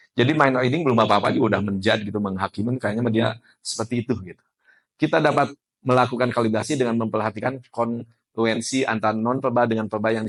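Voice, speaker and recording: A man, teaching a class as an NLP trainer in a lively style and often putting questions to the room. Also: mid-range voice. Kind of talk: classroom lecture.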